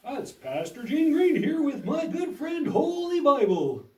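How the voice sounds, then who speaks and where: Man, children's pastor, earnest upbeat lesson delivery, slow pace, mellow tone, echoey room. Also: very high-pitched, big pitch swings. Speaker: children's pastor and puppet show host. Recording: roomy echo, distant mic.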